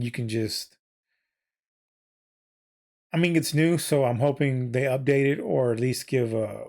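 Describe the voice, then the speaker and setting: Man, solo podcast host, casual rambling chat, lots of fillers, voice going hoarse, mid pitch, desk mic. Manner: rambling, many fillers and self-corrections. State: losing his voice.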